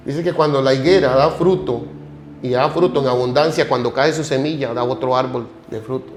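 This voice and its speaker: A man's voice: mid-range voice, brisk, a little hiss or hum. A man hosting a church podcast, preaching fervently and piling up rhetorical questions. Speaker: podcast host. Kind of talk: sermon-like commentary. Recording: echoey room with music behind.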